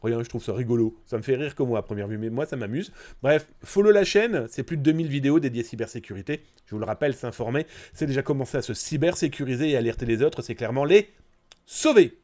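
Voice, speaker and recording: Hosting a live news stream, a stuffy-nosed man with a nasal sound talks to his audience in a loose, chatty, informal manner. His medium-pitched voice is mellow and animated, and he moves at a quick pace.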